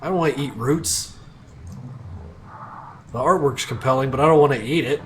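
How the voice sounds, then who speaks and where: Male streamer, sardonic, swearing, mid pitch, noisy ambient background. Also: moderate pace, fairly bright tone. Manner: sardonic, profane, grumbling asides. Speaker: game streamer. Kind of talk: live stream commentary and reading in-game notes aloud.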